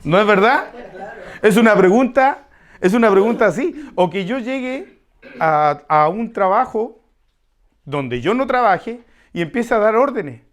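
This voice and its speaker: In a measured, animated mid-range voice, a preacher works through a Bible passage in an expository sermon. He asks the congregation questions and keeps repeating key phrases.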